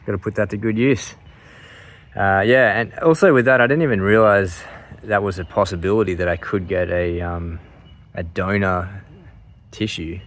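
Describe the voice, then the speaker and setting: Very deep-voiced man, casual and rambling. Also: normal speed, a bit bright. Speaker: vlogger sharing surgery recovery update.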